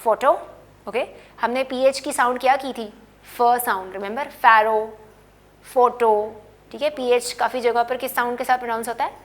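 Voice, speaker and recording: A woman's voice: fairly high pitch, fairly even intonation, moderate pace. Patient woman teaching English pronunciation. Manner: patient, explains words by writing and repeating them, with frequent "okay". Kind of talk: spoken English lesson, Hindi-English mix.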